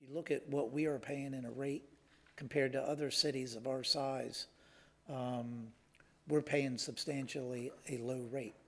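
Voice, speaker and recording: A male council member explains things at a public meeting. His voice is gravelly and rough-edged, and he speaks in a measured way with frequent hesitations. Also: medium pitch, fairly even intonation, fairly bright tone.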